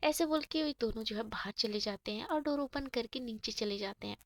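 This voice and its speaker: A woman's voice: a little high, fairly quick, no echo. A woman with a cold narrating a school love story in a chatty, casual way, mixing in English words and talking to her viewers. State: has a cold. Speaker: storyteller and channel host.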